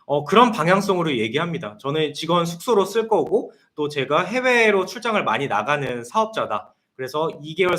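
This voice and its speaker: A man's voice: on the high side, fairly bright tone. A man in his thirties, a consultant answering viewer questions on a live stream in an explanatory way. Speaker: guest consultant.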